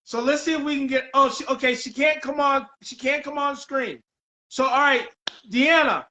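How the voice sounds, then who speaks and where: A middle-aged man hosting a casual interview over a video call, excitable, exclaiming and repeating himself. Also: very high voice, moderate pace, rough recording. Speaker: podcast host.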